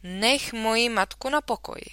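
A woman's voice: on the high side, big pitch swings, bright, forceful tone, no echo, pitched above the performer's own voice, full character voice. A woman reading a children's story aloud, voicing an indignant, scolding mother in a dry room. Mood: shrill.

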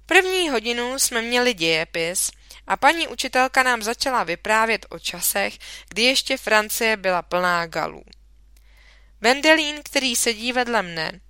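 A woman reading a children's story aloud in a lively, expressive narration. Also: a little high, clean tone, no room sound. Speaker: audiobook reader.

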